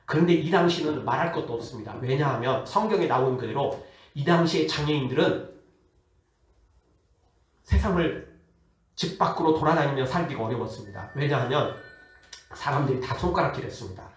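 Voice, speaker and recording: A man who is a pastor, preaching a sermon in a lively way with rhetorical questions and acted-out voices. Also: medium pitch, brisk, pauses often, heavy reverb, recorded from a distance. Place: church hall.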